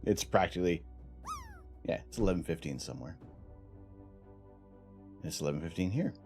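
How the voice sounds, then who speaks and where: A man hosting a live stream, chatting with viewers and thanking them, laughing and clearing his throat between bites of hot peppers. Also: sits low, lively intonation, moderate pace, a little mellow, faint music behind. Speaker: livestream host. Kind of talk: casual live-stream chat.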